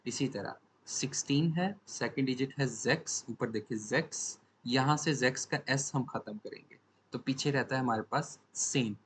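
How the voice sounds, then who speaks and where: A man's voice: medium pitch, moderate pace, fairly bright tone, slight background noise, low-quality recording. A man teaching a language lesson from slides. He asks a question, then answers it, and repeats each word twice.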